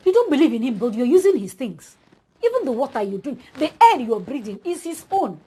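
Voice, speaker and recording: A woman preaches an emphatic exhortation, speaking straight to her listeners and repeating her points for weight. Her voice is mellow and warm, with a husky edge. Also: high-pitched, sing-song, a little fast.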